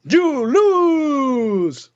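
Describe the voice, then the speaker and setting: A bombastic, proud luchador hero from a video game. He announces himself slowly like a grand showman, with huge swoops of pitch. The sound is a little dull. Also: sing-song, a little mellow, heavily acted. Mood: proud bravado. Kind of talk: video game character catchphrases.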